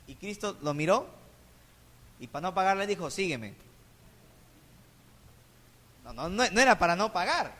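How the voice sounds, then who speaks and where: A man's voice: sits high, very animated, fairly quick, sharp tone. A man with a Peruvian Spanish accent preaching a sermon as pastor, firing rhetorical questions at the congregation. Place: church sanctuary. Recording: church hall reverb.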